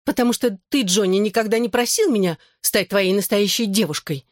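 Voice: mid-range voice, fairly quick, no room sound, studio quality, voice pushed up, lightly acted. An audiobook reader voicing a jealous, reproachful young woman who hisses her complaints at her ex. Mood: sarcastic. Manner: reproachful, hissing. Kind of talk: audiobook character voice.

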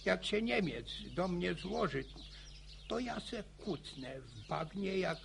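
Acting in a radio play, he does a full character voice as an old village grandfather, a gravelly, stammering, chuckling older man spinning boastful war yarns. The voice sits high, is very animated and takes its time, with folksy reminiscing over background noise.

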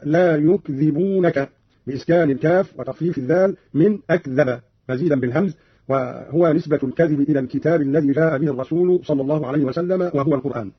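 Husky man announcing on old radio. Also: fairly high pitch, no room sound. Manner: measured, instructive, quotes verses then explains. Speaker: radio announcer explaining Quran reading variants. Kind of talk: formal scripted radio explanation. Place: radio studio. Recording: muffled old radio broadcast.

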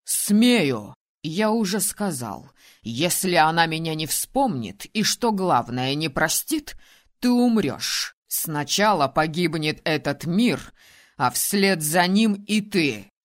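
A woman reads as an ancient male ruler, hoarse and volatile, who snaps and shouts in a storybook reading. His voice sits low for her and swings widely in pitch. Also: expressive, a little slow, few pauses. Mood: furious. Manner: shouting, snapping, biting. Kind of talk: audiobook character voicing.

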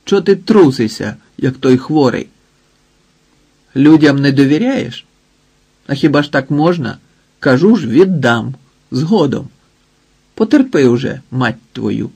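A brash young man, loud and insolent, with a slightly husky edge, voiced by a male narrator. He scolds with easy contempt. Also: mid-range voice, lively intonation, measured pace. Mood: angry, scolding.

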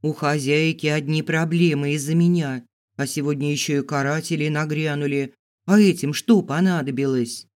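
A man's voice: a little high, steady tone, moderate pace, natural voice. A man voicing a headstrong young heroine who speaks in an indignant, protesting way. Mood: bitter.

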